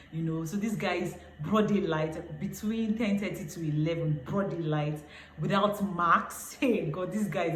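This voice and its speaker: A young adult woman with a Nigerian accent, sharing a personal testimony in a conversational, expressive way, full of fillers. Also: low voice. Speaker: testimony speaker. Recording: roomy echo, faint background noise.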